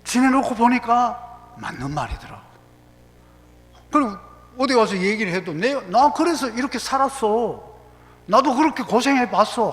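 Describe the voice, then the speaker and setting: A middle-aged man with a Gyeongsang accent preaching a sermon as pastor, telling folksy stories and slipping into quoted voices and dialect. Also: fairly high pitch. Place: church sanctuary. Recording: long hall reverb, faint hum.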